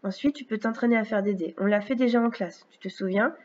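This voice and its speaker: A woman teacher walks a young child through a phonics lesson in a recorded video. She speaks slowly and clearly, patiently stretching out each sound. The recording is dull and a little lo-fi, like a home computer capture. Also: mid-range voice, a little mellow. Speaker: first-grade teacher.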